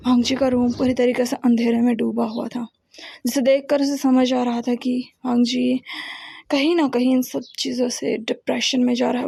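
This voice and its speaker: A woman's voice: on the high side, vocal fry, dark tone, slightly rough, dry recording. A woman narrating an emotional love story, often repeating her words as she goes.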